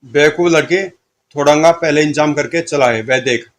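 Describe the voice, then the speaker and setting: A man's voice: on the high side, moderate pace, natural voice. Man doing Thodanga, a gloating villain chief. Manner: boastful, mocking laugh.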